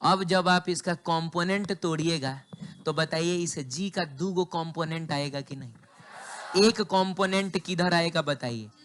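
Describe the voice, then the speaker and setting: High-voiced man teaching physics with a sore throat. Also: a little slow, a bit bright. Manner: asks students questions and answers them himself, jokes with the class. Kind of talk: classroom physics lecture.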